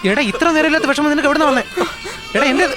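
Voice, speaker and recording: A cheeky young ghost friend. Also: male voice, extremely high pitch, very fast. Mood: bantering. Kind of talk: film dub dialogue. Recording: film soundtrack with loud background music.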